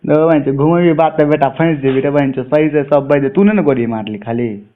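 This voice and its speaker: This fairly quick, slightly high male voice comes through a telephone with a thin, narrowband sound. Speaking in a Mithila-flavored Bihari accent, he keeps the call casual and peppers it with frequent, crude swearing.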